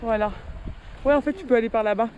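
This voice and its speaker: A woman's voice: on the high side, fast, a little mellow, lo-fi sound. A woman chatting casually to camera as a vlogger. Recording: noisy outdoor and vehicle background.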